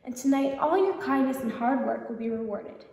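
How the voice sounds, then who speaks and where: A woman reading as a calm fairy godmother. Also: high-pitched, moderate pace, gravelly. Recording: echoey hall, distant mic.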